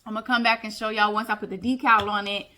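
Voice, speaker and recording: A young woman chatting excitedly while making a crafting tutorial, calling viewers y'all. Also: mid-range voice, fast talker. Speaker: crafting vlogger. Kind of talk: casual crafting tutorial chat.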